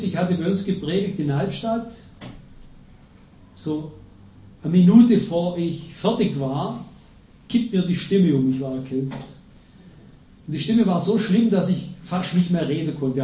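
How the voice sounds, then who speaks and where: A man's voice: fairly high pitch, expressive, unhurried, long pauses, dark tone. A man preaching a sermon, telling stories in an emphatic, conversational way. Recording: echoey hall, distant from the mic.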